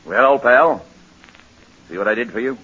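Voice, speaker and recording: A man's voice: mid-range voice, animated, moderate pace, narrow, tinny audio, a little hiss or hum. A man playing the straight man in 1940s radio comedy, coaxing and authoritative. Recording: old radio broadcast.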